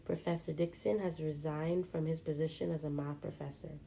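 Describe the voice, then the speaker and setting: A cordial middle-aged mentor in a suit, read by a woman, speaking formally and courteously. The voice is low and mellow, with faint noise behind it. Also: fairly even intonation, normal speed, gravelly.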